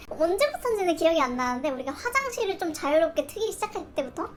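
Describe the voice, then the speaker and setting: Young woman, high voice, playful teasing chat, noisy home recording. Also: wildly swooping pitch, a little fast. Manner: teasing, laughing often. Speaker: vlogger in a couple. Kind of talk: casual chat.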